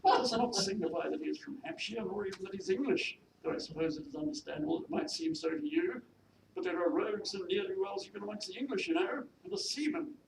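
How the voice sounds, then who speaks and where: Here the reader's mid-range voice turns gravelly and expressive, lifted above its usual pitch and moving fast. The character is an indignant widow of the lesser gentry, haughty and peevish, scolding in formal, bossy period-novel language, recorded from a distant mic in an echoey, noisy room.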